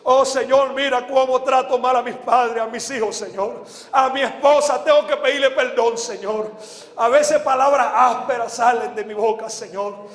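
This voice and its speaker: High-voiced preaching man in an echoey hall. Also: steady tone, moderate pace. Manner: fervent preaching, swings from soft to shouting; repetitive prayer-leading cadence. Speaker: evangelist. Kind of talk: sermon and altar prayer. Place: large church hall before a congregation. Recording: echoey hall with long reverb.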